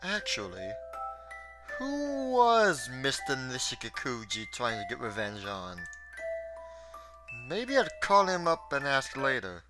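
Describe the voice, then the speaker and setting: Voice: mid-range voice, wildly swooping pitch, takes it slowly, over music. A streamer chatting casually over a visual novel playthrough, laughing and reading lines aloud. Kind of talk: casual let's-play commentary.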